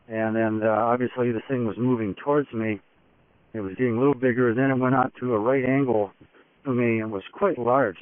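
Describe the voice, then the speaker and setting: A man giving an unscripted first-person expedition report, telling it in a halting, matter-of-fact way in short phrases. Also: mid-range voice, dry recording. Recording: dull radio-like phone link, dry.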